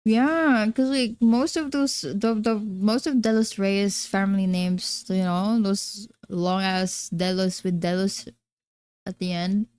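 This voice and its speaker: A woman's voice: medium pitch, steady tone, slow pace, a little mellow, clean tone, no echo. A woman in her twenties giving blunt, casual reaction commentary as a streamer, laughing often and playfully mimicking how names are pronounced. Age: 20s.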